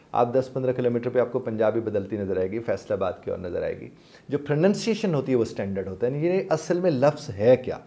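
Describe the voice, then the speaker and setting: Calm polite guy coaching people, mellow warm voice, explains step by step. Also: medium pitch, highs cut off. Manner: polite, patient, addresses listeners as sir. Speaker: life coach and trainer.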